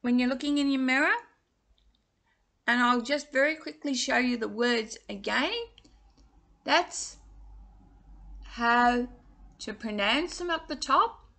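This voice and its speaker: A woman in her sixties speaks in a high, creaky, pushed and bright voice, going slowly with long pauses. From a small room at home, she gives a video singing lesson, carefully enunciating vowel words into a laptop webcam. Her Australian accent holds a trace of English, since she was born in England and raised in Australia.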